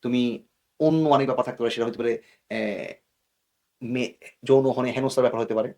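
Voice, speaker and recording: A man's voice: mid-range voice, steady tone, brisk, a little mellow. A man from Bangladesh, a guest in an interview, explaining in earnest, cautionary tones and mixing English words into his speech. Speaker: guest expert.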